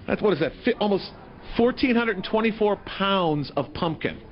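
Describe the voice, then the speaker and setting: High-voiced guy doing a jokey live tv bit outside on a farm, handheld mic, kinda dull audio with faint noise. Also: expressive, normal speed. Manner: jokey, upbeat. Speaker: field reporter. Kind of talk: live outdoor TV segment. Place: outdoor farm.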